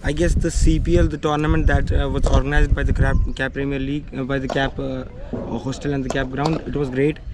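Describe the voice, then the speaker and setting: Young Kashmiri man, even-toned, noisy backdrop. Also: mid-range voice, a little fast, few pauses. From Srinagar, Kashmir. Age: young adult. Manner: polite, frequent "you know". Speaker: junior cricketer being interviewed. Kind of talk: interview answers. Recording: clear background ambient noise.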